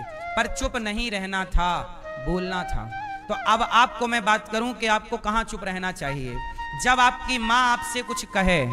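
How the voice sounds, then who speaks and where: A man preaching a live devotional sermon, repeating his points with emphasis and asking the crowd rhetorical questions that they answer aloud. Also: high-pitched. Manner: repetitive, emphatic teaching cadence. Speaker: preacher giving a religious discourse.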